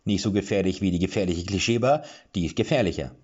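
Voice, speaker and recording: A man voicing a brash, jovial dwarf police chief who talks loudly and mockingly, on a slightly dull recording. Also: low voice, fast. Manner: loud, breezy, mocking.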